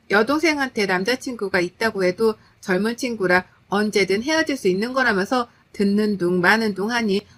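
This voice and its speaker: A woman's voice: fairly high pitch, a bit bright. A woman narrating a first-person story in an indignant, dramatic manner.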